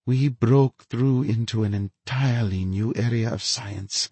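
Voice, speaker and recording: A man voicing a feverish, unhinged woman scientist who gloats in a high, breathy, lilting voice. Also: unhurried, darkish tone, no room sound. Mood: gloating.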